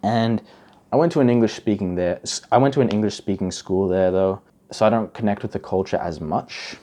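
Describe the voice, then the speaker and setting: A young Indonesian man who makes self-improvement videos on YouTube gives casual advice straight to the camera. His voice is low, brisk and mellow, and he's very chatty, filling his speech with words like "like" and "right?".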